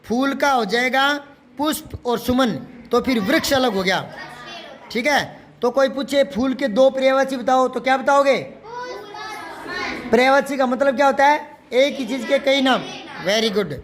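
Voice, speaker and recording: A male Hindi teacher with a strikingly high voice works through exercises. He quizzes his students and patiently repeats each correction until it sticks. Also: unhurried, a bit bright, some chatter behind. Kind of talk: classroom lesson explaining a workbook.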